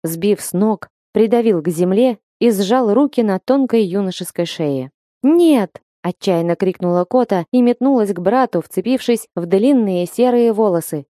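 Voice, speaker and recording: Mellow-voiced woman narrating a story. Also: mid-range voice, normal speed, hardly any pauses, no echo, clean studio sound. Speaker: audiobook narrator. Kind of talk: scripted narration.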